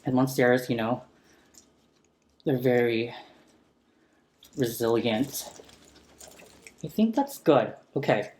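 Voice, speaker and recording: A man talking casually while repotting a houseplant at home, gently enthusiastic, speaking into a sensitive close mic turned up for ASMR. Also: mid-range voice, slow, pauses often. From San Francisco area. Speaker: plant vlogger. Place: home room with a chandelier.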